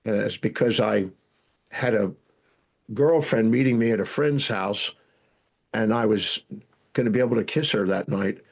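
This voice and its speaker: An older man, a guest speaker and educator, telling animated stories from his life in an interview, with frequent restarts. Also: fairly low pitch, normal speed, creaky, long pauses. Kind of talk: storytelling interview answers.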